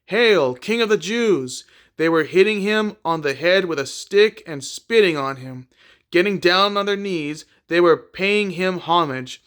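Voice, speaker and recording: Man reading scripture aloud, slightly high. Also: a bit bright. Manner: plain, unhurried reading with small slips and repeats. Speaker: scripture reader.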